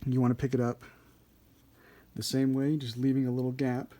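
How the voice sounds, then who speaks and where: A man's voice: medium pitch, level tone, moderate pace, warm tone. A man giving a casual hands-on tutorial as an instructor, informal and a little hesitant, thinking aloud as he explains. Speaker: card trick instructor.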